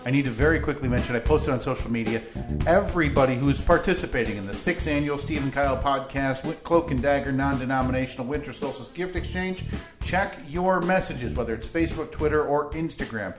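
A man's voice: mid-range voice, brisk. A man chatting casually as a podcast co-host, in a poor-quality recording. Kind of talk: casual chat. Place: makeshift podcast studio. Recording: roomy echo, music underneath, poor audio quality.

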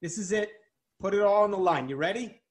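A man's voice: sits high, fairly quick. A man co-hosting a comedy sports show, teasing his guest as a sarcastic quizmaster. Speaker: co-host. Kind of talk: comedic sports radio banter.

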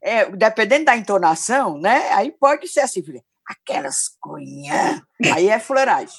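An older woman speaks with a Ceará accent and a voice that swings widely in pitch. Her tone is slightly husky, and the sound is close and dry with no room in it. She chats casually, teasing herself and leaning hard into her intonation. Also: brisk, no echo. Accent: Ceará, Brazil. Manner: animated, expressive intonation, playful self-mockery. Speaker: podcast guest, journalist. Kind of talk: casual chat.

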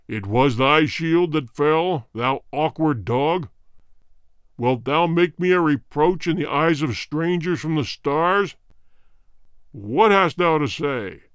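A man reading as a booming one-eyed tyrant king. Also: animated, fairly bright tone, clean tone, dry recording, clean studio sound. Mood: menacing. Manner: booming, menacing, slow commands.

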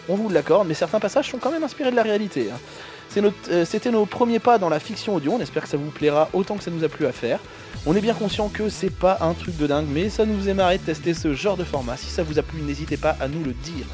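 A man's voice: high voice, animated, fast, a little mellow, faint music behind. A man hosting a podcast, talking casually and thanking listeners with loose fillers. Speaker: podcast host. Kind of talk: casual podcast audio fiction and outro.

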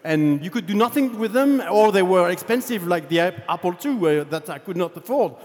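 A French man with a fairly high, slightly quick voice gives a relaxed conference talk about his career as a game developer, telling stories in a chatty way packed with fillers. The sound carries the feel of a big room.

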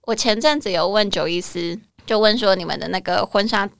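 A woman's voice: mid-range voice, gravelly, clean tone, no echo. Teasing Taiwanese woman teaching English. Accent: Taiwanese Mandarin. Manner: spells words slowly letter by letter, teasing and joking. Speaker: podcast co-host and English teacher. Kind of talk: bilingual English lesson banter.

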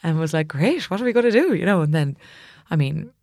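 A woman's voice: low voice, lively intonation, fairly quick, darkish tone, dry recording, clean studio sound. A woman with a West of Ireland accent telling a personal story casually and animatedly, acting out what people said. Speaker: musician and songwriting teacher.

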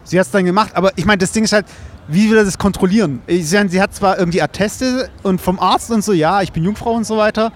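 High-pitched and quick, a young man's voice carries a loose, rambling story full of jokes and casual, conversational banter.

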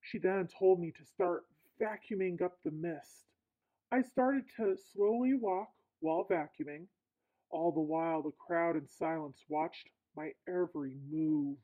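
A woman reading a listener's dream account aloud through a voice changer that disguises her voice, in steady first-person storytelling. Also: fairly low pitch, measured pace, slightly rough, pitched below the performer's own voice. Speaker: podcast host reading a listener's letter. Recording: tinny lo-fi processed sound.

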